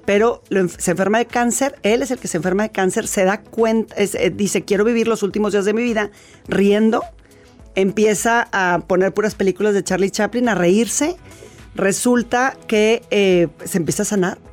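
A Mexican woman speaks as an interview guest in a chatty, storytelling way, often restarting her sentences mid-thought. Her voice sits at a middling pitch, with faint music underneath. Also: a little mellow. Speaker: laughter therapy expert guest. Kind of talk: conversational interview.

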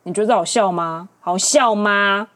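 A woman in her late twenties with a Taiwanese Mandarin accent, hosting a casual dating-advice monologue in an animated, exasperated, ranting manner. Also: medium pitch, measured pace. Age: late 20s. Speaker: podcast host.

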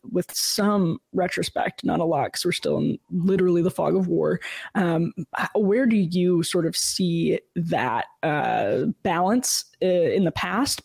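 A woman's voice: lowish voice, vocal fry, a little mellow, slightly rough. A woman hosting a political talk podcast, thoughtful and drawing out long, carefully built questions. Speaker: podcast host.

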